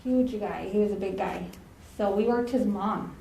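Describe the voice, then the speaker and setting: A woman speaks at a memorial, telling anecdotes in a chatty, easygoing way and slipping Spanish phrases into her English. Her voice sits at an ordinary middle pitch. The podium mic picks up a reverberant chapel with a faint ambient hum behind her. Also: normal speed, gravelly, warm tone. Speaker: former ambulance partner giving a eulogy. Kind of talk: storytelling eulogy. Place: funeral home chapel.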